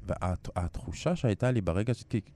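A middle-aged man from Israel speaks Hebrew with a French accent, reflecting hesitantly in an interview and pausing to search for words. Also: fairly low pitch, animated, warm tone. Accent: French-tinged Hebrew. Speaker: interview guest, artist.

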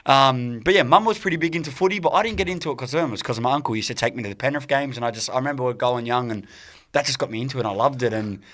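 A young Australian man in his late twenties talks casually as a podcast guest. His pitch sits in an ordinary middle range. He rambles and restarts words as he tells his stories. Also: rapid-fire, a bit bright. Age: 20s. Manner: rambling, repeats words while telling stories. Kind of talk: casual chat.

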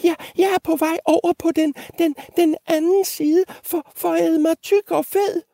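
Tiny billy goat, very high squeak, stuttering, timid, storybook. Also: male voice, steady tone, creaky, warm tone.

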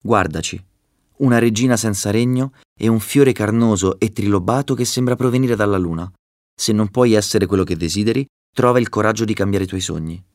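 A man's voice: lowish voice, fairly quick, a little mellow, no echo, studio quality, natural voice. A man voicing a female queen bee who is a firm but tender adoptive mother, reading a storybook. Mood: scolding. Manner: firm, scolding yet tender.

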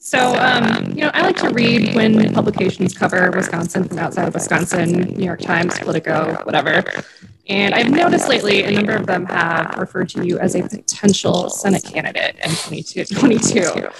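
A woman's voice: on the low side, wildly swooping pitch, brisk, gravelly, very noisy. A woman hosting a podcast, asking a question over a glitchy remote line. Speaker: podcast host.

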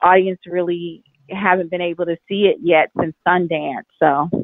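A young woman film director from Fort Worth, Texas, speaks reflectively and with many fillers in an interview conducted over a tinny phone line. Her voice sits on the low side, with fairly even intonation and a moderate pace, and there's no echo.

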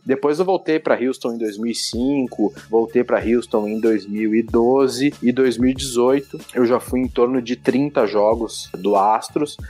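A Brazilian man in his thirties tells a long personal story as a podcast guest. His voice is a little husky and sits at an average pitch, and he rambles with plenty of restarts. Faint music plays underneath. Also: darkish tone. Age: 30s. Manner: rambling, with frequent restarts and filler words. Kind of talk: casual storytelling chat.

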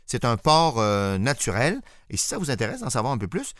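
A man with a Québécois accent co-hosting an educational podcast, animated and jokey. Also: medium pitch, a little fast, no room sound, studio quality. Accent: Québécois French. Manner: animated, jokey, bursts into shouts. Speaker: podcast co-host. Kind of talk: playful educational chat.

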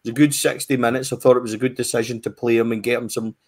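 A man's voice: medium pitch, little pitch movement, very fast. A man chatting casually as a football pundit, with frequent fillers and restarts.

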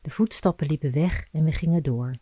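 A woman reading a scripted erotic story aloud in an intimate, measured storytelling manner. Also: low voice, mellow, no echo. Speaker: narrator.

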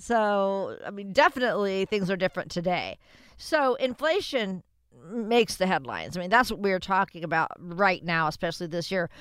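A woman in her sixties co-hosts a radio show with a smooth, fairly bright mid-range voice and no audible room sound. Cheerful and upbeat, she introduces the advisor, asks questions, and reads out phone numbers slowly.

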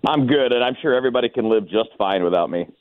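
A man's voice: medium pitch, animated, quick pace, dry recording. A man talking sports casually and informally as a radio guest, heard over a phone line. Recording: tinny, narrow phone line.

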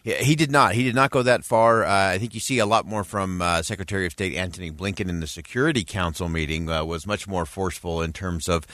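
Low-pitched man giving news commentary. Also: fast, hardly any pauses, a bit bright, dry recording, studio quality. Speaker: radio host and political commentator. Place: radio studio.

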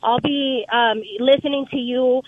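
A woman's voice: high voice, fairly even intonation, unhurried. A woman in her thirties calling a radio show on speakerphone, asking earnest, hesitant questions with many ums. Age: 30s. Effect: speakerphone over a phone line. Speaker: caller. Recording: tinny phone line.

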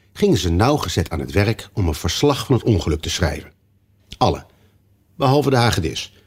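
A man narrating a children's classic as a scripted, expressive audiobook reading. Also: low-pitched, husky.

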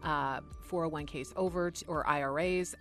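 A woman co-hosting a radio finance show, introducing segments and asking clear, prompting questions. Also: deep voice, fairly even intonation, normal speed, fairly bright tone, faint music behind. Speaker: radio co-host.

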